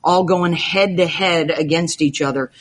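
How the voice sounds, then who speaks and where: A woman's voice: on the low side, a little slow. A woman hosting a sports talk show, upbeat and jokey, rattling off game schedules. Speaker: show host.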